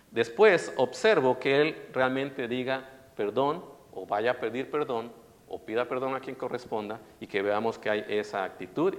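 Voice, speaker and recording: A man delivers a sermon with lively, questioning energy, turning to his listeners again and again. His voice sits at an ordinary middle pitch. A long reverb from a large hall trails behind every phrase. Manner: animated, asks audience questions. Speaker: preacher.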